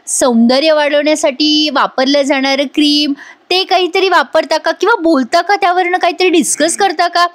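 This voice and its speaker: A woman's voice: sits high, fairly even intonation, moderate pace, voice pushed up, close to an everyday voice. A woman voicing a talkative young wife who keeps pleading with her silent husband, repeating her questions. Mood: coaxing. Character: young wife, chatty, coaxing, pestering her sulking husband. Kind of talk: re-enacting serial dialogue in a voice-over review.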